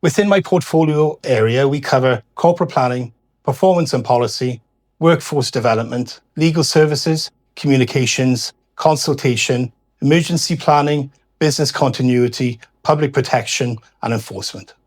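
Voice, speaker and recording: A man giving a scripted public address as a local councillor, speaking in a formal, measured way. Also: medium pitch. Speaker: local councillor, cabinet member.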